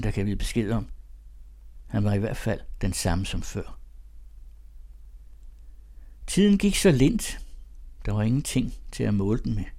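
A man reading a literary story aloud as narrator, in calm, measured storytelling. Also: lowish voice.

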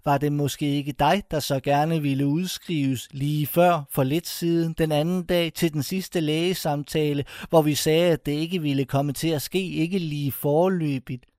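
A man's voice: a little high, fairly even intonation, few pauses, a little mellow, no room sound, studio quality, natural voice. A man voicing a smug, patronizing hospital staff member in a raised, condescending tone within a story reading.

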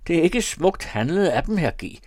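A man voicing a merry, indebted young gentleman who speaks with mock-pompous exuberance. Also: fairly high pitch, very animated, no echo, clean studio sound, pitched above the performer's own voice. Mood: exuberant.

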